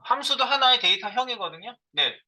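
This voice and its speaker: Lively, bright-voiced man teaching code. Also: extremely high pitch, brisk, rough recording. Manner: thinks aloud while typing code, asks and answers his own questions. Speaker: programming instructor. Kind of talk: live coding lecture.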